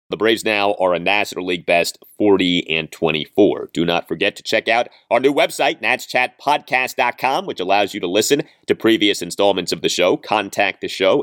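A man hosting a sports podcast, delivering a recap monologue with emphatic, deliberate phrasing into a close microphone. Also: lowish voice, a bit bright, dry recording.

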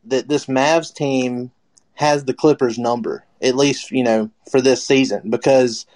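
A man's voice: medium pitch, fairly even intonation, a little slow, darkish tone. A man hosting a casual sports talk show, rambling with lots of fillers and restarts as he calls on his co-hosts. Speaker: podcast host.

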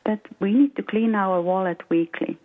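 A woman's voice: mid-range voice, moderate pace. A middle-aged woman from Finland with a Finnish accent, a guest financial coach talking hesitantly with many fillers in an interview. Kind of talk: casual interview talk. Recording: tinny phone-like line.

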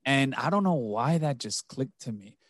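A young man hosting a relaxed conversation, easygoing and slipping Spanish phrases into his talk. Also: medium pitch, moderate pace, no room sound. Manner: laid-back, mixes in Spanish phrases. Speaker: podcast host. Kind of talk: casual conversation.

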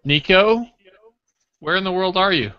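A man hosting a podcast, joking in quick banter. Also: high voice, smooth. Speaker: podcast host. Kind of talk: casual chat. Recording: muffled lo-fi podcast audio.

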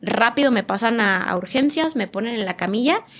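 A woman's voice: on the high side, lively intonation, a little fast, fairly bright tone, a little hiss or hum. A woman with a northern Mexican accent, a podcast guest telling an emotional personal story and acting out the voices of people in it. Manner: vivid storytelling, acting out quoted dialogue in changed voices.

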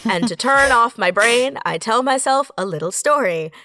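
An audio drama writer, a woman with a fairly high voice, gives casual interview answers at a moderate pace with no echo. She tells her stories animatedly, acting out her own thoughts as if quoting them.

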